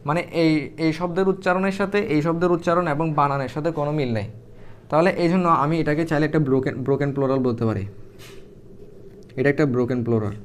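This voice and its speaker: Man teaching, slightly high voice. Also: fast talker, slight background noise. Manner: thinks aloud with many fillers and restarts while writing. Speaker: Arabic teacher. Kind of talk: casual explanatory lesson.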